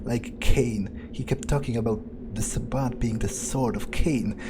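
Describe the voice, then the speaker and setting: Steady in tone and a little slow, this man's medium-pitched voice comes through with some background noise. He's a gamer narrating in character, thinking aloud in a musing, hesitant manner with casual swearing.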